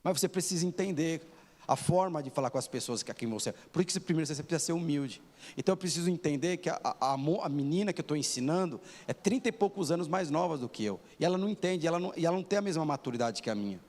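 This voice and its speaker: A man's voice: fairly high pitch, expressive, racing, darkish tone. A man in his forties preaching a sermon in a church, often asking the congregation rhetorical questions. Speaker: pastor. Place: church hall. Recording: long hall reverb.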